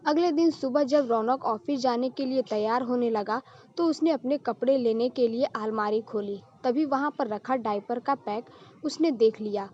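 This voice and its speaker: A woman reading a scripted family story aloud as the storyteller, at an even storybook pace, on a dull lo-fi recording. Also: on the high side, moderate pace.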